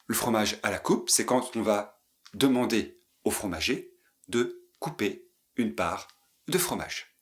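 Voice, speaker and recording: A man teaching pronunciation, saying each phrase slowly and carefully and breaking words into single sounds for learners to repeat. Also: lowish voice, animated. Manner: very slow, deliberate, repeats sounds and syllables for learners. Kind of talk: pronunciation drill lesson.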